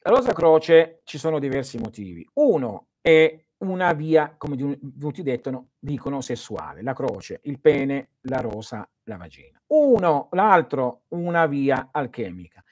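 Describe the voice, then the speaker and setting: Male live-stream teacher, mid-pitched, earnest and didactic, dry close sound, loud stresses that fall to near-whispers. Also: sing-song, a little slow, hardly any pauses, no room sound. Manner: earnest, didactic, speaks straight to listeners. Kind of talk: answering viewer questions in a live stream.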